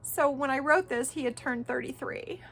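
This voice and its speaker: Bright-voiced woman, tearful and heartfelt. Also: high-pitched, moderate pace. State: crying at times. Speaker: vlogger. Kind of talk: emotional personal vlog.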